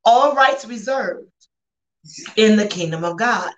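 Co-hosting a faith talk show, a woman speaks slowly in an animated, medium-pitched voice. Her religious discussion is casual and conversational, full of slang and repeated phrases for emphasis.

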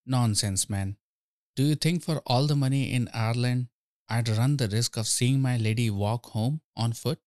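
A man's voice: mid-range voice, moderate pace, darkish tone, no room sound, studio quality, close to an everyday voice. A man voicing a proud, anxious court storyteller who gets exasperated as he loses. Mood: indignant. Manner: indignant, exasperated. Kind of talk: storybook reading.

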